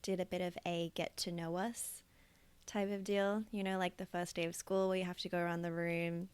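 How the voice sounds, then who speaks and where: An Australian woman in her thirties co-hosts a casual podcast, chatty with frequent fillers and laughing easily. Her fairly low, darkish voice stays level at a moderate pace, and the sound is clean.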